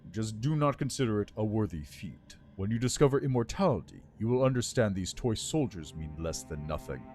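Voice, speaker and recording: A man's voice: on the low side, lively intonation, a little fast, a little mellow, soft background music, lightly acted. A man voicing an ancient undead lich from a game, with a dry voice and a pompous, scornful, formal manner. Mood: dismissive. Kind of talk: voiced reading of game dialogue.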